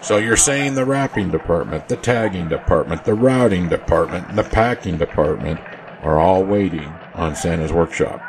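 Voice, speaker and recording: A man's voice: deep voice, normal speed, slight background noise. A man playing an earnest Christmas elf news anchor, delivering a mock radio bulletin in a formal newsreader manner. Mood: earnest, official. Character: earnest male Christmas elf news reporter at North Pole.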